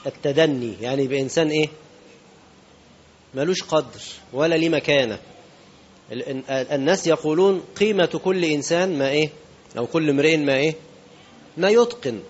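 A man's voice: a little high, a little fast, long pauses, muffled recording. A man preaching a sermon in Egyptian Arabic, speaking conversationally and asking his listeners rhetorical questions. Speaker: sheikh.

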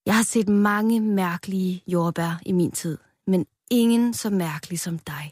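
A woman's voice: mid-range voice, darkish tone, slightly rough, no echo, clean studio sound, natural voice. A woman voicing the oldest strawberry on a cake, a kindly old figure who calls others "my friend". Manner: slow, fatherly "my friend". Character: old wise male strawberry, kindly and curious.

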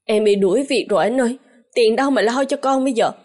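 A woman's voice: on the high side, quick pace, a little mellow, close to an everyday voice. A woman voicing a young pregnant wife who pleads in distress. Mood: distraught.

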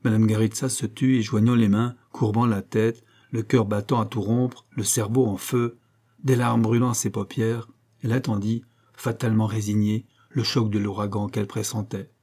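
A man narrating a novel in a measured, steady reading style. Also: fairly low pitch. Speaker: audiobook narrator. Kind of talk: scripted narration.

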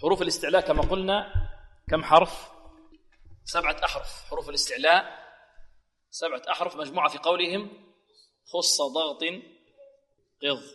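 A man with a slightly high voice leads a Quran recitation lesson. He stretches verses out slowly and asks his students questions that he answers himself. The voice sits far from the mic, inside a long, ringing reverb. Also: pushed and bright. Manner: slows into drawn-out recitation of verses. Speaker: Quran recitation teacher and presenter. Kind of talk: tajweed lesson with recited examples.

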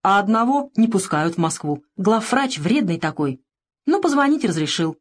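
A woman's voice: mid-range voice, very animated, normal speed, slightly rough. A woman reading the lines of a young male soldier calling weakly from a hospital bed, in an audiobook. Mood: friendly. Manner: weak, friendly.

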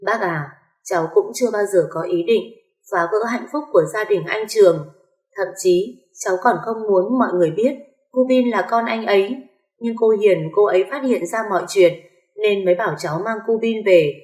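A woman's voice: mid-range voice, moderate pace, darkish tone, natural voice. A woman voicing a scheming young mother who pleads tearfully, in an echoey room. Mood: pleading.

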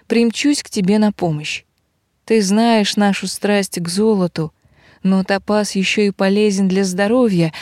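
A woman reading an audiobook, voicing a calm, devoted male dragon who speaks slowly and softly. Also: mid-range voice, no echo, studio quality, close to an everyday voice. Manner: slow, soft, reassuring.

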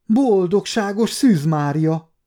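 A man reading an audiobook, voicing a fierce but tender old servant woman who shouts shrilly. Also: high-pitched, sing-song, pitched above the performer's own voice. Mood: overjoyed.

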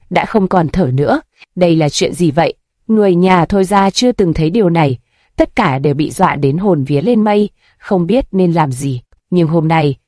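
A woman reading a scripted story in a steady, even narrating voice. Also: on the low side, dry recording, studio quality.

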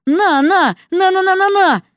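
A woman voicing a feisty young frog-girl who scolds and shouts sharply. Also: sits high, steady tone, fairly quick, no room sound, clean studio sound, voice pushed up. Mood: furious.

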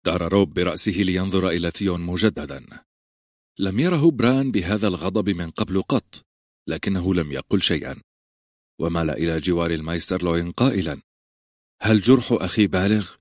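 A male audiobook narrator with a very low, deep voice tells the story in a steady way. The recording is dry, with no room sound. The narration is fully scripted. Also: brisk, no room sound.

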